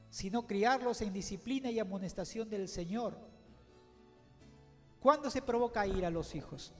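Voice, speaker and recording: A male pastor preaching a sermon, swinging between calm teaching and emphatic outbursts, acting out little quotes from the people he describes. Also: high-pitched. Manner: preaching, rising to emphatic outbursts and quoting others in little acted voices. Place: church. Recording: church hall reverb with background music.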